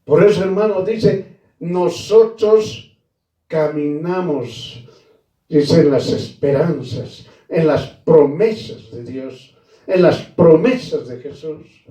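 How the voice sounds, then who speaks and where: A man preaching a sermon slowly and emphatically, repeating key phrases and calling his listeners brother. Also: on the high side, mellow, roomy sound, distant mic.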